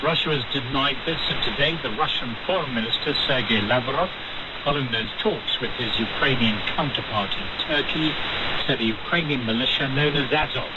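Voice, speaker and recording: A man's voice: medium pitch, dull audio. Male news presenter over hissy shortwave radio. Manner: measured, formal delivery. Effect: heard over an AM shortwave radio receiver. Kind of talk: live news broadcast presenting.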